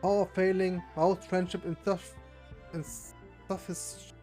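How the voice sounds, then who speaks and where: A broken robot grinds toward shutdown, catching on its words and repeating them in halting bursts, as someone at a tabletop game puts it on. Its pitch sits in a middling range, and faint music plays underneath. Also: little pitch movement, mellow, lightly acted. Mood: failing. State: malfunctioning, shutting down. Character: failing machine powering down, stuttering.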